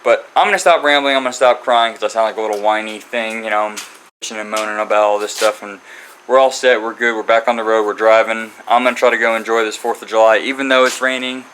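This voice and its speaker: Rambling low-voiced man in a vlog. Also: flat delivery, fast, a bit bright, slight background noise, rough recording. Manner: rambling, chatty, with fillers. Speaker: channel host. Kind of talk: casual garage vlog walkthrough.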